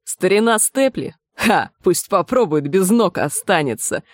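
A woman's voice: on the low side, animated, unhurried, dry recording, studio quality. A woman voicing a boastful young male football fan who scoffs at his rival, in an audiobook. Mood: scoffing.

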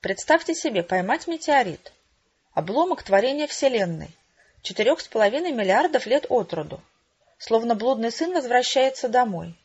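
A woman voicing a cheerful older widow who patiently teaches a newcomer, in a husky voice on a dull lo-fi recording. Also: fairly high pitch, big pitch swings, moderate pace, darkish tone, full character voice. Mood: chatty. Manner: chatty, instructive.

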